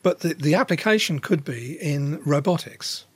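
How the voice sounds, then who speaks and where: A man giving measured expert explanations as an interviewed scientist. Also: a little high, expressive, husky, dry recording.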